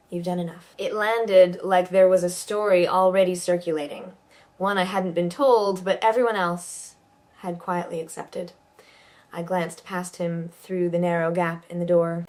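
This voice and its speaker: Story narrator: woman, lower pitch, measured and subdued delivery. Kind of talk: first-person story narration.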